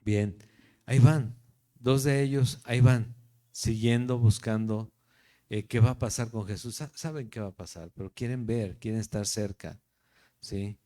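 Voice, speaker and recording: A pastor from Guadalajara, Jalisco, Mexico, teaches the Bible verse by verse in a Mexican Spanish accent. His medium-pitched, dark voice is unhurried, and he talks conversationally, often checking in with listeners.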